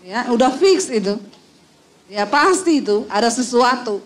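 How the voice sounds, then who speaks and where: A middle-aged woman pastor delivers a sermon in a high, bright voice. She tells it as a story, speaks directly to the congregation and acts out the people she quotes. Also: lively intonation, unhurried. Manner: addresses the congregation directly as saudara and ibu-ibu.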